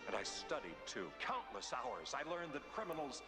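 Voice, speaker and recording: A man voicing a solemn, resolute masked crime fighter in an animated cartoon drama. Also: fairly high pitch, moderate pace. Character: brooding, resolute adult male masked vigilante. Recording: hall reverb, music underneath.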